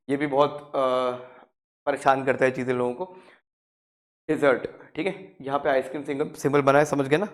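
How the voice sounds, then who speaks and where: A young man with an Indian accent teaching English pronunciation in a casual spoken lesson. He repeats words over and over in drills and slows right down for the English phrases. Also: fairly high pitch.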